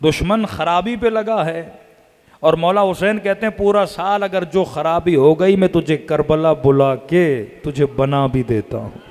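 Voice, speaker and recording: A man's voice: fairly high pitch, a little slow, darkish tone, long reverb tail. A man, a cleric, preaching a religious sermon that he drives with rhetorical questions he answers himself in repeated chants.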